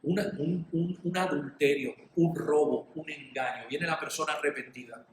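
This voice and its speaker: A middle-aged man preaching a sermon in an animated way, acting out short dialogues as he goes. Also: a little high, normal speed, a little hiss or hum. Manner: animated, acts out little dialogues. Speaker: pastor. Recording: echoey room.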